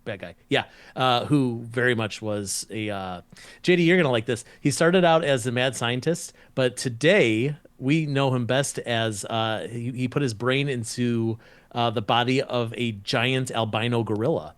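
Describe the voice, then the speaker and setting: A man's voice: medium pitch, unhurried, smooth, no echo. A man chatting casually as a podcast guest, rambling through explanations with playful asides. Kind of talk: casual chat.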